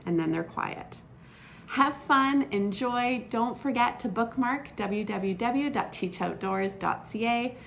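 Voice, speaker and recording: A woman outdoor educator walks teachers through a classroom activity. Her pitch moves in a lively way, and her voice has a gravelly texture. She explains steps clearly and encouragingly. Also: slow, slight background noise. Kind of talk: instructional video for teachers.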